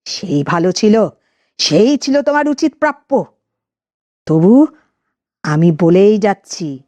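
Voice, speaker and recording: A cold, hissing female ghost, bitter and vengeful over a lover who jilted her, as a woman narrator puts her on. She talks slowly with a warm, low-lit tone and swings her pitch widely between whispers and cries, in a dry, close storybook recording. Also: no room sound.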